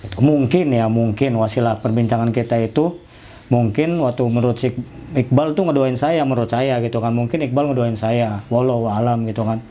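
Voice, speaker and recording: A man telling his own story in a casual interview, acting out conversations in lively slangy speech. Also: medium pitch. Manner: animated, acts out dialogue in slangy speech. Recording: faint background noise.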